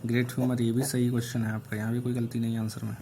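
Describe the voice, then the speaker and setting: Man, teacher reviewing exam answers, even mid-pitched voice, flat delivery, slow reading of questions, faint noise behind. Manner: steady explanatory lecturing, reading questions aloud slowly.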